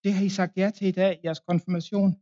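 A man's voice: sits high, little pitch movement, mellow, muffled recording. A man preaching a confirmation sermon in a Danish accent, telling a plain story with fillers and restarts.

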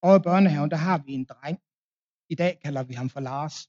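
A man's voice: fairly high pitch, a little mellow, dull audio. A man preaching a confirmation sermon in a Danish accent, telling a plain story with fillers and restarts.

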